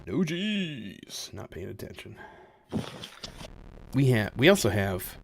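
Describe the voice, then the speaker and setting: A man's voice: mid-range voice, takes it slowly, gravelly, slight background noise. A man hosting a retro computer stream, chatting casually and reacting while he plays a game. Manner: lively, chatty, exclaims while playing. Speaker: stream host.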